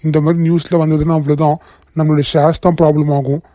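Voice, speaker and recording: A man voicing a grumpy older father-in-law in a cartoon, gruff and complaining. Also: on the high side, flat delivery, quick pace, warm tone, no echo, studio quality, close to an everyday voice. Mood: grumbling. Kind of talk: cartoon voice acting.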